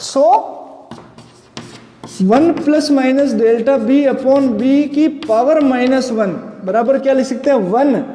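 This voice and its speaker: A man teaching physics in a classroom lecture, asking and answering his own questions and slowing down to spell out formulas. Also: very high voice, dark tone. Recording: echoey room with long reverb.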